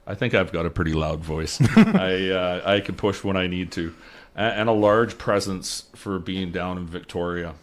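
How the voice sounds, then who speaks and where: Interviewed in a radio studio, the young candidate from British Columbia's Lower Mainland speaks at a normal speed in a low-pitched voice. He's earnest, restarting and repeating words as he looks for them, and he's recorded on a studio mic on a boom arm.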